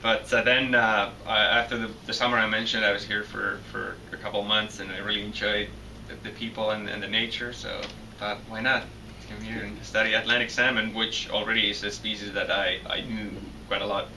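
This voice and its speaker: Young Finnish-accented male grad student, bright tense tone, stumbling answers, distant mic with faint hiss. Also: fairly low pitch, flat delivery, a little fast. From Finland. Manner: hesitant, many restarts and repeated words. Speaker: PhD student guest. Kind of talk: interview answers.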